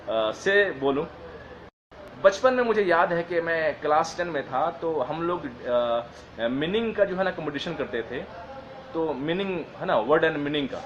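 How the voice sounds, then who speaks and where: A man giving earnest career advice to viewers in a casual talk, stumbling and apologizing for his English as he reads out a long list slowly. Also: fairly high pitch, highs cut off, a little hiss or hum.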